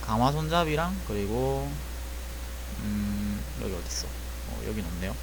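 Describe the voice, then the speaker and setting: Speaking at a measured pace with big swings in pitch, this young airsoft technician has a fairly low voice. He casually explains a repair, correcting himself as he thinks out loud, while background noise runs under the tutorial.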